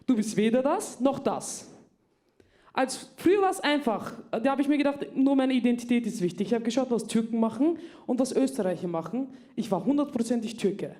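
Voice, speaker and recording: A woman's voice: a little high, lively intonation, a little fast, dark tone. A woman, doing a stand-up comedy set in a club and confiding in the crowd. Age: 30s. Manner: chatty, confiding, addressing the crowd directly.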